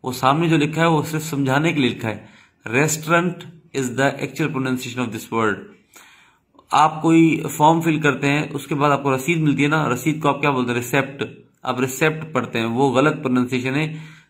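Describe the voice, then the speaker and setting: A man's voice: medium pitch, moderate pace, a bit bright. A man, giving a video lesson as an English teacher and explaining patiently with frequent questions back to the students.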